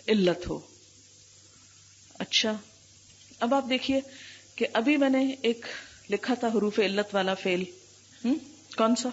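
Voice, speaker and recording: A woman teaches a grammar class in a fairly high, husky voice. She keeps firing questions at her students and slowly stretches out each letter and example word. The recording sounds dull and lo-fi. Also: a little mellow. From Pakistan. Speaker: Islamic scholar teaching Arabic grammar.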